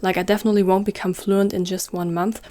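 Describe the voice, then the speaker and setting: Her medium-pitched, mellow voice moves fast and keeps a level tone. This young YouTuber from northern Germany, whose first language is German, chats casually in a vlog, joking at her own expense and saying "like" again and again.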